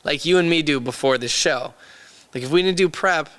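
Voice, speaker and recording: A hoarse young man who has lost his voice, chatting casually and jokingly as a podcast co-host. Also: on the high side, fairly quick, a bit bright. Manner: laid-back, slangy, jokey. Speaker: toy shop owner and podcast co-host.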